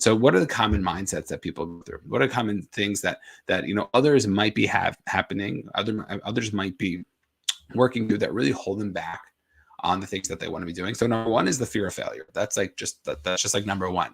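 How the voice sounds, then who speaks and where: A man's voice: lowish voice, gravelly, husky. A man giving a casual motivational talk, rambling a little with restarts and filler words. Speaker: motivational speaker.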